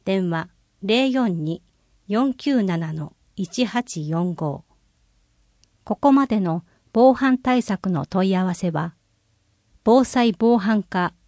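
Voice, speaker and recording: A woman reading a city bulletin aloud in a clear, measured way, slowing down for phone numbers and contacts. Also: medium pitch, dark tone, no echo, studio quality. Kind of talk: scripted reading of public notices.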